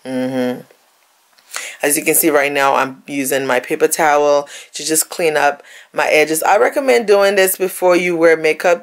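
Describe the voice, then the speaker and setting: A young woman talking viewers through a hair tutorial in a casual voiceover, chatty and joking with asides. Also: deep voice. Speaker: beauty vlogger. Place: recorded apart from the pictured scene.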